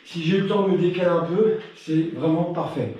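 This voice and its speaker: A man from France teaches Krav Maga in a live online class at a moderate pace, his high-pitched voice a little mellow. He counts out combos, punctuates strikes with punchy sound effects, and chats between drills, warm though a bit winded. A distant mic captures him in a very echoey room.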